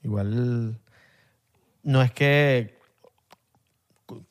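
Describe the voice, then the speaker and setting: A young Venezuelan man hosts a podcast and keeps pushing his point in calm, casual chat. His voice sits at a medium pitch. He speaks with a Venezuelan Spanish accent. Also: very slow, clear, resonant tone. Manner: calm, persistent in debate. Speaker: podcast host.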